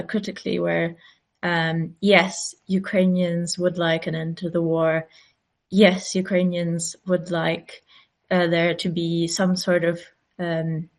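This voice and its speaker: A woman speaking on a video call, halting and pausing as she searches for her words. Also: on the low side. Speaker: invited speaker, activist.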